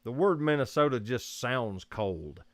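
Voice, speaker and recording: A man's voice: medium pitch, big pitch swings, unhurried, no echo. A man with a Southern US accent hosting a casual live-stream chat at home, rambling and easygoing, chuckling often. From Georgia, US. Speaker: photography livestream host. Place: room at home.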